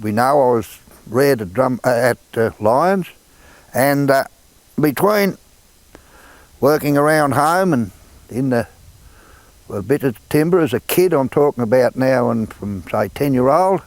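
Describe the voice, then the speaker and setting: An older man with a rural Australian accent shares memories in a laconic country drawl. His pitch is average and the sound is close and dry. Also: lively intonation, measured pace, pauses often, no room sound. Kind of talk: oral-history reminiscence.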